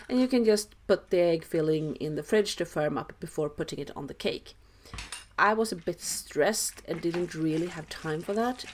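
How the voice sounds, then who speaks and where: A woman's voice: lowish voice, a little mellow, slight background noise. A woman with a Swedish accent giving a casual cooking tutorial voice-over with dry, self-deprecating humour. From Sweden. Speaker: home cook, host.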